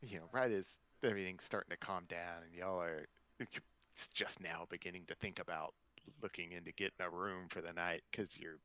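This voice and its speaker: A man who runs a tabletop game and narrates in a relaxed, rambling way, often restarting his sentences. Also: sits low, moderate pace, highs cut off. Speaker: game master.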